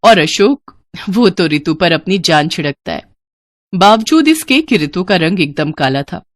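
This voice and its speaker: A woman reading scripted narration for a cartoon moral story in a clear, expressive storyteller manner. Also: lowish voice, a little slow, dry recording. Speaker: narrator and voice of female figures.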